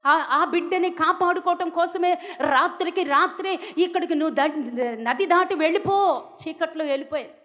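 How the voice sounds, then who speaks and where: A woman pastor from India preaching a sermon with emotional emphasis and dramatic pauses. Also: very high-pitched, in a large hall, lo-fi sound.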